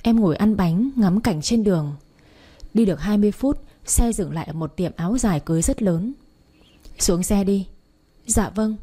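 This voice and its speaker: Chatty woman storyteller, warm low-brightness voice, slightly breathy; talks to listeners directly. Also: expressive, a little fast. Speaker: story narrator. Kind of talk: first-person romance story reading.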